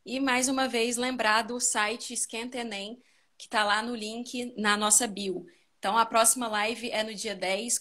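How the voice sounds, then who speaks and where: A woman's voice: a little high, a bit bright. Brazilian woman hosting a live stream. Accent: Brazilian Portuguese. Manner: friendly, polite, wraps up with announcements.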